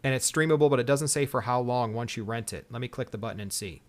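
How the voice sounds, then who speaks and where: A man's voice: medium pitch, fast talker. A man co-hosting a casual tech show, griping with exasperation about a product he is reviewing.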